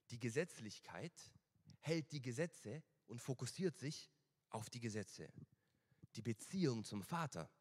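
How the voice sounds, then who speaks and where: A man preaching a church sermon, swinging between loud appeals and quiet, slowed lines. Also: lowish voice, slightly rough, long reverb tail.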